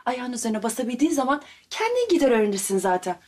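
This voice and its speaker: A woman's voice: fairly high pitch, big pitch swings, quick pace, a little mellow, slight background noise. An actress playing a wife who teases and soothes her laid-up husband. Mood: teasing. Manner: coaxing, teasing, soothing.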